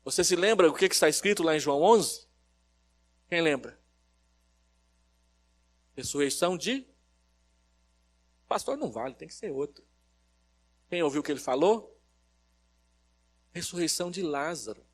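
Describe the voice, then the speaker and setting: Brazilian man preaching, higher-pitched voice. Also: animated, normal speed, pauses often. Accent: Brazilian Portuguese. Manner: storytelling preacher who quizzes the congregation; shifts between loud emphasis and soft quiet phrases. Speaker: pastor. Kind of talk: expository sermon. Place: church service.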